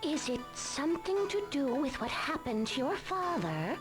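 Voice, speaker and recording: A woman's voice: high-pitched, sing-song, measured pace, over music. A patient, explaining shop lady. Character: helpful adult woman, patient and explanatory. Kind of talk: dubbed video game dialogue.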